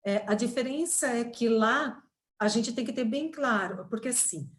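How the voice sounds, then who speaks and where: A Brazilian woman in her fifties lectures over a video call, patiently explaining and checking in with her listeners. Her voice sits a little high, and she leans on tag questions and fillers as she goes. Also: normal speed. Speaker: guest speaker, teacher trainer. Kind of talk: webinar lecture.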